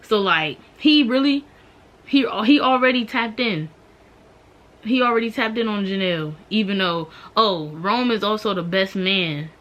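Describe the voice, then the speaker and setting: A young woman chats casually through a book review, her voice sitting a little low. She talks loosely, with plenty of "um" and "like" fillers. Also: a bit bright. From Maryland, USA. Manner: chatty, many "um" and "like" fillers.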